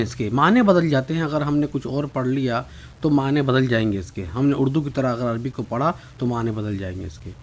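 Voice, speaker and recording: A man teaching Arabic pronunciation, patiently saying each letter sound slowly and repeating it for students to copy. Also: medium pitch, darkish tone, slight background noise. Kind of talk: spoken lesson.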